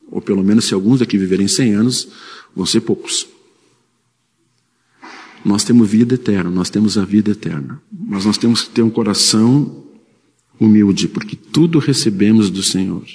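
A man's voice: fairly low pitch, normal speed, a little mellow, in a large hall. A man preaching a sermon, telling a personal story in a conversational way with frequent tag questions.

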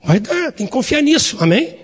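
High-voiced husky pastor in a reverberant church. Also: male voice, big pitch swings, normal speed. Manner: folksy storytelling, addressing the congregation as "queridos". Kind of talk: sermon.

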